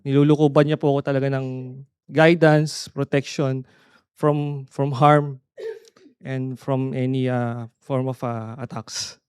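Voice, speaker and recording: A man's voice: medium pitch, little pitch movement, takes it slowly, darkish tone, clear, resonant tone, no echo, clean studio sound. A man from the Philippines giving thanks at a church prayer meeting, earnest and polite, with frequent hesitations. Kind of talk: personal testimony at a prayer meeting.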